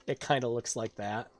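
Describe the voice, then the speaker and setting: A man's voice: medium pitch, very noisy. A man streaming a game, talking casually, laughing often and swearing. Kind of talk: casual let's-play commentary.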